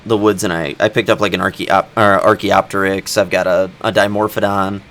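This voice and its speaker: Deep-voiced, laid-back game mod developer. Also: male voice, little pitch movement, a little fast, a bit bright, faint music behind. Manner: laid-back, joking, fumbles names. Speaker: mod developer, server host. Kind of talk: casual voice chat.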